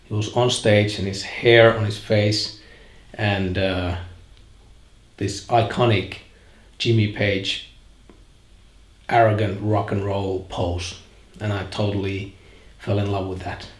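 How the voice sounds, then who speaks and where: A man in his forties with a Finnish accent, a guitar maker answering interview questions in a reflective way, often pausing to search for words. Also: fairly low pitch, steady tone. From northern Finland. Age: 40s. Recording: roomy echo.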